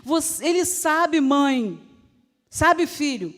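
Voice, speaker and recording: High-voiced Brazilian woman preaching. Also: lively intonation, slow. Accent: Brazilian Portuguese. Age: middle-aged. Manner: emotional, pleading, repeats phrases for emphasis. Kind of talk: sermon. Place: church. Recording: church hall reverb.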